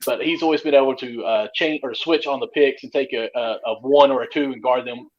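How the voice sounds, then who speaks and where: A quick-talking man co-hosts a casual sports podcast. He is folksy and enthusiastic, and the audio is a bit dull and lo-fi. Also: mid-range voice, steady tone. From Kentucky. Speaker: podcast co-host.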